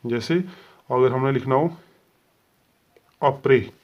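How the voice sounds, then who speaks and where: Male tutor, mid-pitched, methodical and repetitive; lo-fi recording. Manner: explains patiently, sounding out letters slowly and repeating set phrases. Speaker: shorthand teacher. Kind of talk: step-by-step spoken lesson. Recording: dull lo-fi sound.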